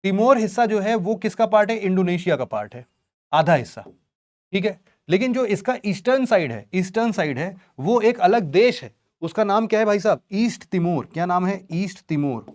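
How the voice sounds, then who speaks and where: A man's voice: high-pitched, darkish tone. Quizzing man teaching geography. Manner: quizzing students with rhetorical questions, casual and joking. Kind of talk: online exam-prep lecture.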